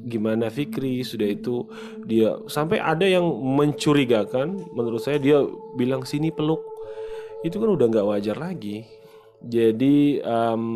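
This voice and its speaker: A man hosting a casual channel, retelling an online story in a chatty way with frequent pauses and fillers. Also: mid-range voice, a little mellow. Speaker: host.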